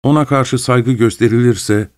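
A man narrating an audiobook voices a fawning, pleading middle-aged husband, speaking softly and ingratiatingly. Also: mid-range voice, fairly even intonation, a little slow, no echo, clean studio sound, pitched above the performer's own voice, natural voice. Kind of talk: audiobook character reading.

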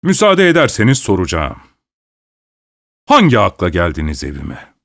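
A man's voice: low-pitched, wildly swooping pitch, gravelly, a bit bright, dry recording, studio quality, full character voice. A man playing a pompous haughty landowner. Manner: pompous, drawn-out, indignant. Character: pompous, haughty country landowner, middle-aged. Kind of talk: audiobook character voice.

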